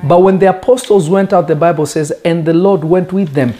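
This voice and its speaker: Speaking in a high register with a steady, warm tone, a man preaches in his native Lingala. His style is that of a conversational teacher, with emphatic, measured phrasing and questions meant rhetorically.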